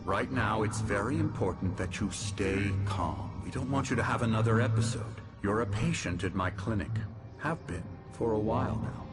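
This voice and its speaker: A man's voice: lowish voice, normal speed, natural voice. An actor playing a controlling, condescending psychiatrist in a video game, talking down to his patient in a falsely soothing manner. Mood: firm, soothing. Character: smooth, condescending, controlling male psychiatrist running a clinic. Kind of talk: dramatic video game dialogue. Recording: music playing behind.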